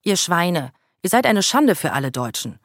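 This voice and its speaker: A man voicing indignant women who loudly scold attackers in a read-aloud story. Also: high-pitched, very animated, moderate pace, dry recording, clean studio sound, exaggerated voice. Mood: outraged. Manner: scolding, outraged.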